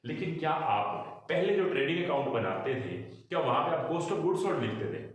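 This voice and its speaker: Male tutor, lively pitch, explanatory and question-driven, recorded a bit off-mic in an echoey room, mix. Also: normal speed, far from the mic. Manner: explanatory, asks students questions and answers them. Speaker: commerce teacher. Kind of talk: explaining accounts in a recorded lesson. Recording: roomy, echoey room, mic set back.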